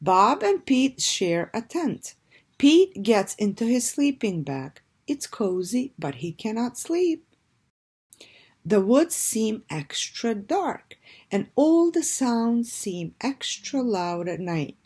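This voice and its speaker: A woman's slightly high, breathy voice carries a children's storybook reading, delivered deliberately and expressively, as a teacher would to young listeners.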